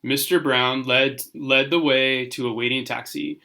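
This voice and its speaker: Bright-voiced man reading to children. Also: medium pitch, flat delivery, unhurried, creaky. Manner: stumbles over words and rereads them. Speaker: storybook reader. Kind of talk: reading a children's story aloud to kids, with character voices.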